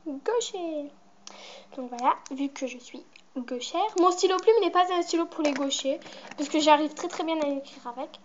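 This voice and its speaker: A chatty teenage girl talking through a casual vlog in a high voice. She rambles and fills her pauses with hesitations. The recording is muffled and lo-fi, with faint hiss and clicks behind her. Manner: chatty, rambling, with many fillers. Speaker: vlogger. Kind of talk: casual show-and-tell vlog.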